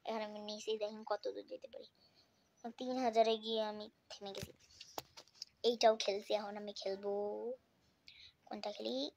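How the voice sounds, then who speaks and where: A woman giving casual, chatty commentary while playing mobile games, often dropping into a hushed whisper. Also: medium pitch, little pitch movement, moderate pace, pauses often, slight background noise. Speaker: gaming vlogger.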